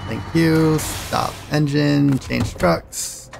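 Man, gaming host, rambling play-by-play, gravelly voice, game music behind. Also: fairly high pitch, drawn-out words, low-quality recording. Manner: rambling, thinking aloud while playing. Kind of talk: casual gameplay commentary.

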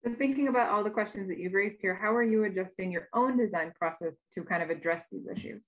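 A woman's voice: medium pitch, quick pace. A woman moderating a conference session over a video call, reading out audience questions with frequent fillers. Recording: dull lo-fi video call audio.

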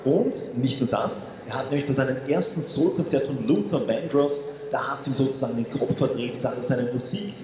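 A man's voice: mid-range voice, brisk, hardly any pauses, a little mellow. Male stage presenter in an echoey hall. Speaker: stage show host. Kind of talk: scripted stage presenting from cue cards. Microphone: handheld microphone. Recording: echoey hall PA with room noise.

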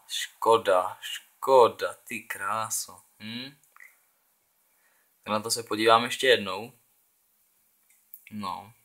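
A young Czech gaming channel host with a lowish, bright, forceful voice chats casually while playing a football video game. He thinks aloud and urges his players on.

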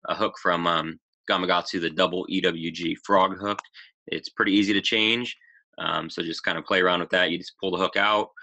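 A man's voice: deep voice, pushed and bright. A man in his thirties casually presenting a fishing webinar over slides, full of "you know" and "um" fillers, recorded on a webcam mic in a small room. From Pacific Northwest, United States.

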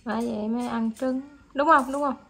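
A woman's voice: fairly high pitch, steady tone, fairly quick, gravelly. Chatty Southern Vietnamese woman vlogger. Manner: chatty, addresses viewers directly. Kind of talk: casual home vlog narration.

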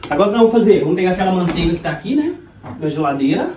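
Speaking very fast in a high, very animated voice with a slightly mellow quality, a Brazilian-accented man in his thirties shows viewers his home cooking. He chats and jokes in slang as the host of a cooking vlog. His small kitchen indoors is echoey, with clattering dishes and general noise.

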